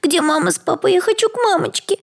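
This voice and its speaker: A woman voicing a small frightened girl crying for her parents, high and tearful. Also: quick pace, creaky.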